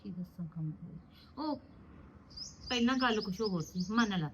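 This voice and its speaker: An actress playing a caring, anxious young married woman who gently scolds and coaxes her younger sister-in-law. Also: fairly high pitch, expressive, brisk, noisy background, lightly acted. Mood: tender. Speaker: actor. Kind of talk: village family drama acting. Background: birdsong.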